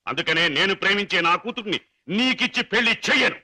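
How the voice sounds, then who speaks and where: A man's voice: high voice, expressive, fairly quick, bright, forceful tone, full character voice. An actor playing a stern wealthy father who lectures scornfully against love and drops English phrases, heard over film music. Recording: film soundtrack with music behind.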